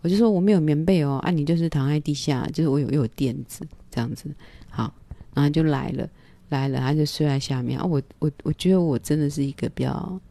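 A woman, telling a personal story at home in a calm, hesitant way with many pauses and fillers. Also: deep voice. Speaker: vlogger.

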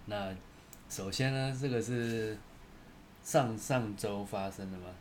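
A young man co-hosts a casual chat. He speaks in a measured, hesitant way, with pauses and fillers, over a faint hiss. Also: on the low side, darkish tone. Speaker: co-host.

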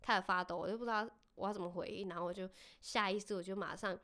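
A young woman tells a personal story on a casual chat show. Her voice is smooth and clear at an ordinary middle pitch. She talks earnestly and hesitantly, often pausing on fillers. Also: steady tone, fairly bright tone. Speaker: co-host.

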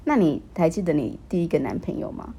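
A woman's voice: low voice, very animated, fast talker, gravelly, dark tone, husky. A woman hosting a casual podcast chat, asking curious, probing questions.

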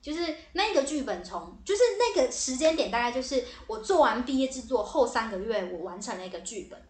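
Guest spot: young woman, bright higher voice, lively storyteller, echoey room. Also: a little fast. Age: young adult. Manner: lively storyteller, swears casually, repeats "对对对". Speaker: guest, theater director. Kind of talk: casual podcast storytelling. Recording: roomy echo.

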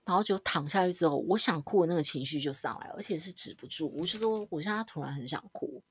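A woman's voice: lowish voice, fast talker, breathy edge, no echo. A woman casually telling a personal story on a podcast. She swears now and then and acts out her own lines as quoted dialogue. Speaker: podcast co-host.

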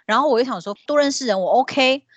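A woman in her thirties with a Taiwanese Mandarin accent, co-hosting a casual chat and telling stories with animated indignation. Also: high-pitched, fast talker, no room sound. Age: 30s. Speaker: podcast co-host.

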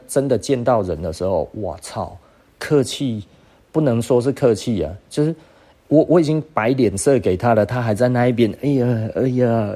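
A man's voice: medium pitch, mellow. A man with a Taiwanese Mandarin accent, a podcast host telling a story in a profane, scornful way and laughing often. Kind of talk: casual storytelling rant.

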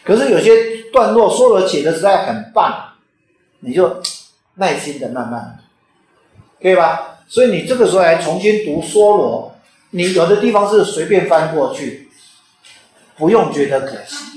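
Man, teacher, informal lecture, conversational, high-ish voice, very echoey room. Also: animated, normal speed, darkish tone. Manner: conversational, often checks in with rhetorical "OK?". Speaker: author and teacher.

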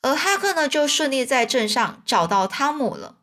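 A woman's voice: high voice, big pitch swings, normal speed, a bit bright. A woman, reading a children's story aloud in a chatty way and explaining words as she goes.

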